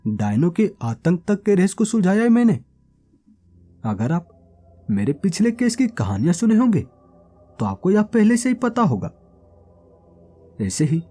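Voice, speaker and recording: A man from Maharashtra telling a first-person horror story as a police inspector, dramatic with suspenseful pauses. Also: sits high, mellow. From Maharashtra, India.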